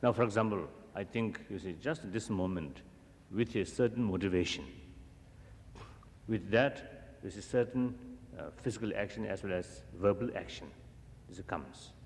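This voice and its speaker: A man's voice: lowish voice, moderate pace. A man, a native Tibetan speaker with a Tibetan accent, giving a philosophy teaching. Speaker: Buddhist teacher. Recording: echoey hall with background noise.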